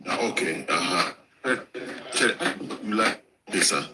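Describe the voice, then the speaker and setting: A man calling in over a glitchy, breaking-up phone connection, talking haltingly and repeating words. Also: low-pitched, animated. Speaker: caller. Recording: echoey, noisy call line.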